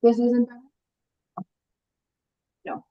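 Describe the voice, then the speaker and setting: Woman on a video call, muffled dull laptop mic, keeps apologizing. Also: extremely slow. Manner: apologetic, hesitant, restarts often. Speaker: department policy advisor. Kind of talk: remote testimony to a committee. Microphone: laptop microphone on a video call.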